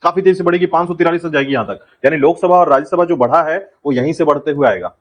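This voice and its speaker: A man's voice: a little high, fast, poor audio. A man teaching an exam-prep lecture, drilling key points and repeatedly telling students to remember them. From India.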